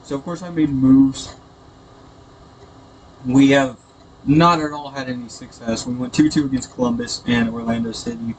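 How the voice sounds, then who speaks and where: A man's voice: medium pitch, moderate pace, pauses often, a little mellow. Man on a tinny computer mic, noisy. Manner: hesitant, rambling. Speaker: gaming video host. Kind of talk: casual gameplay commentary. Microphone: built-in computer microphone. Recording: tinny echoey computer mic, background noise.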